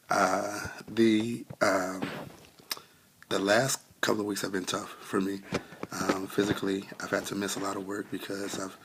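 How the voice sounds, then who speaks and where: Low, gravelly man sharing a testimony. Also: background noise. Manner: earnest, many fillers, on the edge of tears. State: still coughing a little. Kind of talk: casual heartfelt testimony.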